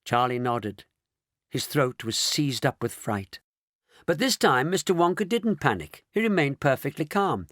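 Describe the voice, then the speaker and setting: A man narrating a children's audiobook in an expressive, dramatic reading style. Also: mid-range voice, unhurried, no room sound, clean studio sound. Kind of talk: scripted storybook narration.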